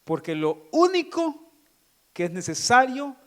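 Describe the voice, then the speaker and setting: A pastor preaching a sermon, reading scripture and asking the congregation questions. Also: male voice, extremely high pitch, big pitch swings, measured pace, a bit bright.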